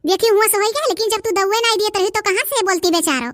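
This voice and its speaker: A woman's voice: extremely high pitch, fast, fairly bright tone, no room sound, studio quality. A woman voicing a quarrelsome village woman in a cartoon, haggling and complaining about prices in a rustic Awadhi accent. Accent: Awadhi, eastern Uttar Pradesh. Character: bargaining village woman, adult, loud and quarrelsome. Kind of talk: cartoon dub voice acting.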